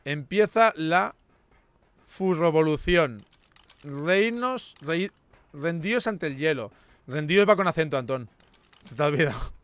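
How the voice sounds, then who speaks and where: A man's voice: fairly high pitch, animated, moderate pace, fairly bright tone, no room sound. A man, a streamer bossing and haggling in character during game role-play. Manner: bossy, haggling and bantering.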